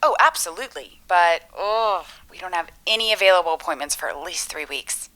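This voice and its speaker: Super polite customer service lady, bright crisp tone, lowish pitch, never fazed. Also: lively intonation, fairly quick, rough recording. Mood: helpful, matter-of-fact. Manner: chipper, scripted politeness. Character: polite, unflappable female customer service agent. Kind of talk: comedy dialogue.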